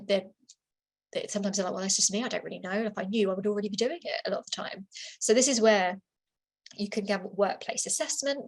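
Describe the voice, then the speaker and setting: Over a computer mic, a woman with a mid-range, somewhat breathy voice gives a webinar as a workplace assessor, and the audio is poor. Her talk is informal and chatty, repetitive, packed with fillers and restarts.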